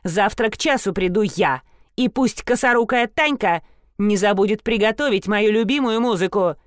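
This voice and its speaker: A woman reading an audiobook, voicing a shrill, rude young blond woman who screeches insults. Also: normal speed, no echo, studio quality, lightly acted. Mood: screeching.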